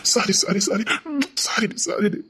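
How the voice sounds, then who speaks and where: A woman's voice: mid-range voice, level tone, measured pace, over loud music, close to an everyday voice. A woman with a Tirunelveli Tamil accent playing an anxious husband who pleads and repeats himself over and over. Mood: pleading.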